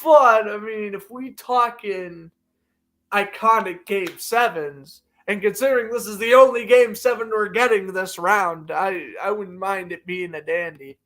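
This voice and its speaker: A man's voice: high voice, unhurried, a bit bright. A man hosting a sports show, calling hockey play-by-play and chatting casually with filler words and restarts.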